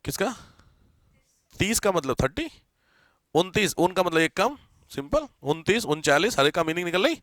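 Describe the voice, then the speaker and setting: A man teaching a Hindi grammar class, often checking that students follow and repeating key words slowly so they can write them down. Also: high-pitched, very animated, fairly bright tone, no echo. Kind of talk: live classroom lesson.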